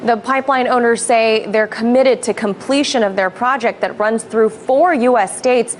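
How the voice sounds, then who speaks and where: A woman news reporter reading a scripted report in a steady, measured way. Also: a little high, slight background noise.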